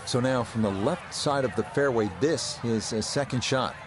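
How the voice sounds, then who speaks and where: A man calling golf play-by-play as a broadcast commentator, in a measured, informative way. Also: mid-range voice, background noise, natural voice. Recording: music and crowd behind voice. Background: music and outdoor crowd ambience.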